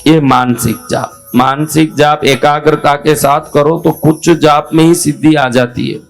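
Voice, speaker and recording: A man giving slow spiritual instruction, repeating key phrases and asking his listeners rhetorical questions. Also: on the high side, steady tone, creaky. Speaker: spiritual teacher. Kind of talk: spoken religious instruction. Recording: faint music behind.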